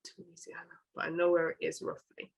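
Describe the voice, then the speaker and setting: An English woman with a British accent hosts a podcast interview, chatting in a rambling way and often restarting her words. Her lowish voice is gravelly and slightly rough, delivered briskly and completely flat.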